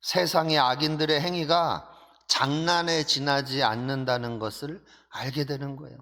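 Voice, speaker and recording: A man preaching a dawn sermon as a pastor. He preaches with animation, acts out pleading prayers and often drops to a soft, hushed voice. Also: medium pitch, fairly even intonation, moderate pace, big-room sound. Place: church sanctuary.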